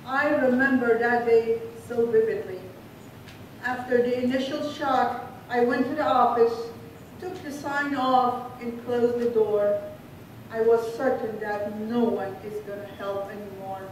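Woman guest speaker, middle-aged, from Afghanistan; unhurried, steady podium speech in a roomy hall, mic at a distance. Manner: slow, measured delivery read from notes. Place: large indoor reception hall. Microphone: podium microphone heard from a distance. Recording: echoey hall from far off with faint rumble.

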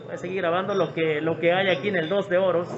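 Mexican vlogger, fairly high male voice, walk-around commentary on a phone camera, muffled sound, people chatting behind. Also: flat delivery, fast talker, crowd noise. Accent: Mexican Spanish. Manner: chatty, greets people by name, repeats phrases. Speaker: vlogger showing a restaurant. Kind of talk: casual walk-around narration. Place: open-air roadside restaurant.

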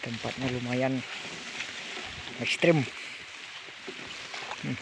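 A man's voice: medium pitch, drawn-out words, gravelly. A man fishing outdoors and chatting casually to his viewers. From West Sumatra. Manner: relaxed, chatty, addressing viewers. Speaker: fishing vlogger. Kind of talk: casual outdoor vlog narration. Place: outdoors by rural ditches and streams. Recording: faint outdoor noise. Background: rain and crickets.

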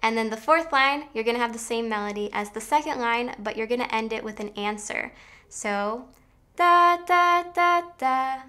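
Bright-voiced woman teaching songwriting. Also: a little high, fairly quick. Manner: upbeat and explanatory, sings short "da da" phrases as demonstrations. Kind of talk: online songwriting lesson.

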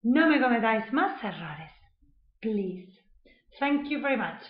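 Slow, patient woman teaching grammar. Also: on the high side, very animated. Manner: slow, patient explaining, often checks with "¿vale?". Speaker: English teacher. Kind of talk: grammar lesson. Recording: echoey room, slightly dull sound.

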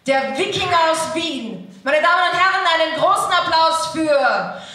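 A woman works as a boxing ring announcer, presenting fighters theatrically. Her voice is high and forceful, and she draws names out slowly. It rings with heavy echo through the hall. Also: lively intonation. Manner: dramatic, drawn-out name calls to the crowd. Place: boxing ring on a large indoor stage. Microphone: handheld microphone. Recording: very echoey PA in a hall.

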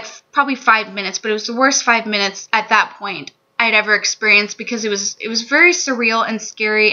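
A bright, forceful woman in her twenties speaks at medium pitch, candidly sharing a personal testimony to camera as a vlogger. She sits in a small room, recorded by a webcam or laptop mic at desk distance, and the audio is dull and lo-fi.

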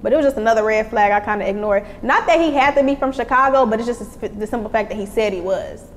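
A chatty woman guest from Lake County, Illinois, speaks quickly and candidly with a slightly high voice. Her words ring in a reverberant room, with faint noise underneath. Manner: candid, chatty, repeats "you know what I'm saying". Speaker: interview guest. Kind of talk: casual interview talk.

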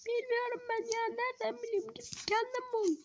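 Voice actor doing a shrill bratty little boy. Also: little pitch movement, moderate pace, creaky. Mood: sassy. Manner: whiny, shrill, defiant. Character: bratty cheeky young boy, talks back. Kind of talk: game role-play.

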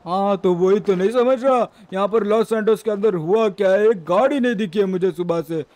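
A man's voice: high voice, brisk, darkish tone, natural voice. A man voicing a timid, whiny talking dog in a game role-play. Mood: scared. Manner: fearful, whiny.

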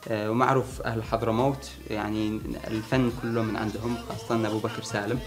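A young man, answering a friend's questions in relaxed chat, pausing and restarting as he thinks. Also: lowish voice, music in the background. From Sanaa region, Yemen. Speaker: conversation partner answering. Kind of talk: casual chat between friends.

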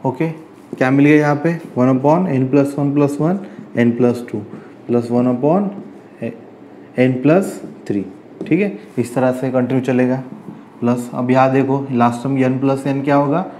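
A man with a mellow, relaxed voice teaches a maths lesson at a steady, everyday pitch. He works through each step and keeps posing rhetorical questions to the class. Faint background noise sits under the recording. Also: slow pace. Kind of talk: chalkboard maths lecture.

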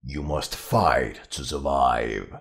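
A man putting on a booming adult male movie-trailer announcer voice, with a slow, dramatic, air-pushed delivery. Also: vocal fry, a bit bright, heavily acted. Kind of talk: voice impression demonstration.

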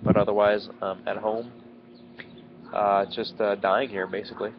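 Sick with a head cold, a congested, stuffy-nosed man vlogs outside at home in a residential neighborhood, chatting casually to camera in a self-deprecating, complaining way. His voice is on the low side with a level tone and moderate pace, and the dull lo-fi recording clearly picks up neighborhood ambience.

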